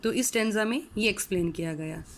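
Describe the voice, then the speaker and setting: A woman teacher explaining an English poem, reading each line slowly and then explaining it in Hindi, often asking the students a question and answering it herself. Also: medium pitch. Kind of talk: recorded poetry lesson, line-by-line explanation.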